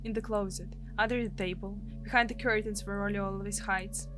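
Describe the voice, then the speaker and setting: Music plays behind a woman who speaks with a Russian accent, her native language being Russian, as she streams a visual novel. She translates the on-screen text live and narrates it with drama, her medium-pitched voice brisk and steady in tone.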